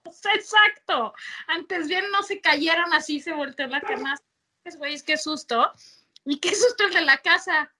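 A woman's voice: high voice, normal speed, bright, forceful tone. A Mexican woman co-hosting a podcast, chatting casually with heavy slang and often laughing as she tells stories. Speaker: podcast co-host. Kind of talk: casual chat.

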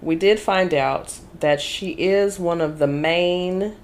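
A woman co-hosting a casual podcast chat in an animated, chatty manner. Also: fairly low pitch, slow. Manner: animated, chatty, laughs often. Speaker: podcast co-host.

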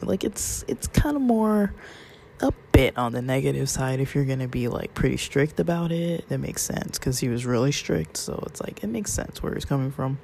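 A man's voice: medium pitch, vocal fry, a little mellow, slight background noise. A man from Southern California telling a personal story in a rambling, conversational way. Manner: rambling, conversational, quotes others in passing. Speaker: vlogger. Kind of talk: casual storytelling monologue.

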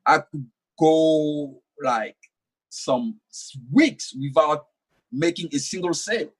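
The audio is poor, carrying a young man's slightly rough, somewhat high voice at a slow pace. He's a native French speaker giving an earnest conversational interview as an author, and he often repeats words while thinking.

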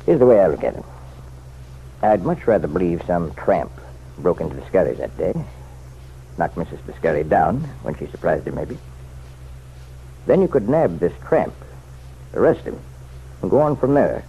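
Here the same kind of old-time radio role, an insistent, insinuating townsman playing self-appointed helper to the sheriff, comes through a low, gravelly, dark, exaggerated voice with big pitch swings. He speaks at a moderate pace with frequent pauses, earnest and pressing, offering pointed advice in a folksy, chummy, persuasive way. The recording is muffled and noisy.

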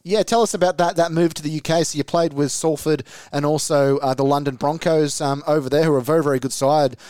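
A man's voice: on the high side, fairly even intonation, quick pace, darkish tone, clean tone, no room sound, clean studio sound. A man hosting a podcast, asking long, thorough questions with small restarts. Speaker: podcast host. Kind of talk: interview questions.

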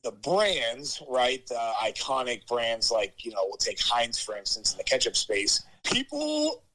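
Measured man explaining over speakerphone. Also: mid-range voice, big pitch swings, bright, forceful tone, poor audio. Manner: measured, explains with examples and "right?" checks. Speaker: experienced entrepreneur giving advice. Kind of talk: explanatory business advice. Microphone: phone on speaker.

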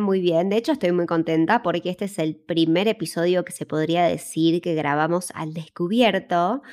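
A woman's voice: on the low side, darkish tone. A woman with a Rioplatense Spanish accent co-hosting a podcast, upbeat and playful as she teases her co-host. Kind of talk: casual podcast chat.

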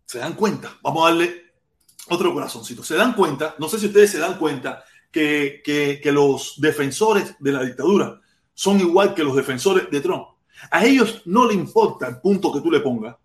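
Cuban guy ranting on a livestream, highish voice, roomy echo, says stuff over and over. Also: lively intonation, moderate pace. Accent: Cuban Spanish. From Cuba. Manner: heated, repeats words in bursts. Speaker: livestream host. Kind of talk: political livestream commentary reading chat.

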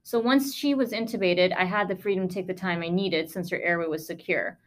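A woman's voice: fairly low pitch, steady tone, brisk. A woman podcast host, a lung doctor, telling a case story in a conversational, emphatic way with sarcastic asides.

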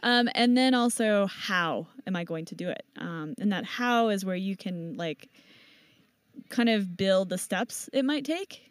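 Woman, pro mountain bike racer, casual interview, relaxed, lots of fillers, middle pitch, dry sound. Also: measured pace, no room sound. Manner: relaxed, thinks aloud with many fillers. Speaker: professional mountain bike racer and team owner.

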